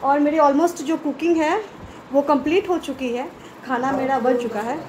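A woman with a Bengali accent chats quickly to her camera at home. Her voice sits high, and she fills pauses with small fillers. Steady household noise sits clearly under her. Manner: fast-talking, chatty, frequent fillers. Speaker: vlogger. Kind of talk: casual vlog to camera. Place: at home, hot room with fan running.

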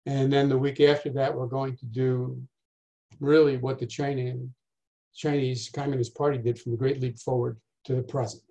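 A man's voice: medium pitch, little pitch movement, moderate pace, dark tone. An older man teaching a history lecture over a video call, conversational, with rhetorical questions and wry asides. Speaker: instructor.

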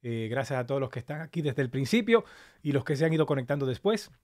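A man hosting a casual live stream, a little hoarse from long talking, greeting viewers affectionately by name. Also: mid-range voice, animated, fast, darkish tone. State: slightly hoarse after an hour of talking.

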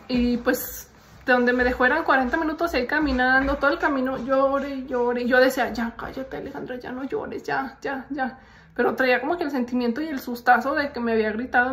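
A woman's voice: sits high, fairly bright tone. A young Mexican woman with a Mexican accent, chatting casually to her followers and telling stories with frequent laughs. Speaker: vlogger. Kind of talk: casual chat.

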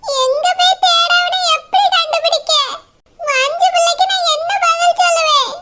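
Woman playing a grieving village mother, high and bright, lamenting in tears, Kanyakumari Tamil accent. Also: normal speed. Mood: wailing grief.

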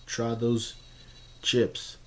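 A young adult man giving a casual, low-key food review in a halting, hesitant way. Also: completely flat delivery, fairly bright tone. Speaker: snack reviewer. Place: small room at home, indoors. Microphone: camera at about arm's length. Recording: faint background noise, amateur camera.

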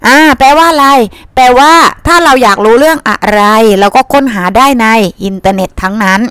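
A woman's voice: a little high, no room sound. A woman teacher giving a reading lesson in a chatty way, asking her pupils questions and answering them herself. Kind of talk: reading-comprehension lesson to students.

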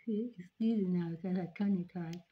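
A woman vlogger talking haltingly with her fingers in her mouth, fitting a retainer and working through discomfort. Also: fairly low pitch. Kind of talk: casual video demonstration. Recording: dull lo-fi audio.

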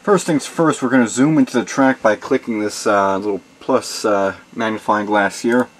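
Seated at a home desk with a computer and mixer, this man talks in a low voice at a moderate pace. As a tutorial host, he plainly and methodically demonstrates each step of a how-to.

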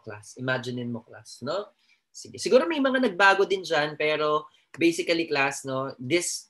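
A man's voice: a little high, fairly bright tone. Joking Filipino man lecturing a class. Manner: chatty, joking, keeps addressing "class"; mixes Tagalog and English. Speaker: nursing lecturer.

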